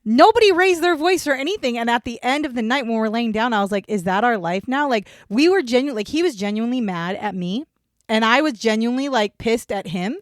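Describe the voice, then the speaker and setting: A woman in her forties co-hosts a podcast, trading casual banter with lively intonation, laughing often, swearing freely and wandering into rambling asides. Her voice is on the high side and brisk, captured in a dry, studio-quality recording.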